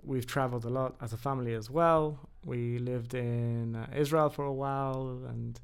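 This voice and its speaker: A man's voice: mid-range voice, fairly even intonation, moderate pace, vocal fry, smooth. A man raised in England, a podcast guest who talks hesitantly with many fillers. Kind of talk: casual conversation.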